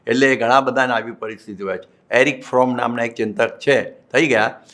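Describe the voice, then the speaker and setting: Male monk, Gujarati accent, sermon storyteller, quotes and verses, mid-pitched voice. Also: steady tone, normal speed, a bit bright. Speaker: monk preacher. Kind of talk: Gujarati religious discourse.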